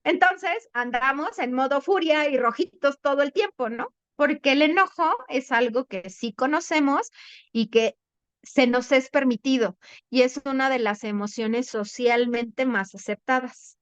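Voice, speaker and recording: A woman's voice: a little slow, no echo, muffled recording. A woman, a thanatologist giving a conversational group talk on the stages of grief and acting out the voices she quotes. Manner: conversational, acts out quoted voices with rising pitch.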